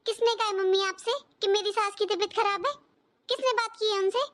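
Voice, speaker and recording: A very high, sharp-voiced young daughter from a cartoon drama who takes offence quickly and argues back. Her tone stays indignant and defensive. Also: fairly even intonation, a little hiss or hum. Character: young married daughter, touchy, quick-tempered. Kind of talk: cartoon voice acting.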